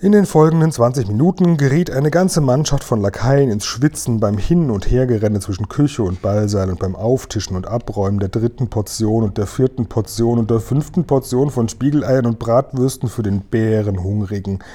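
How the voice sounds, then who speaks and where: Ein Mann, der lebhaft und ausdrucksvoll ein Kinderbuch vorliest. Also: male voice, medium pitch, moderate pace, few pauses. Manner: lively expressive storytelling. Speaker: reader. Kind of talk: audiobook reading.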